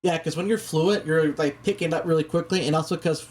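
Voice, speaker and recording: A casual talk show host whose first language is Spanish. They speak slowly and deliberately, often restarting mid-sentence, at an average pitch. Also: fairly even intonation, a little mellow. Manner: deliberately slow, careful speech with frequent restarts.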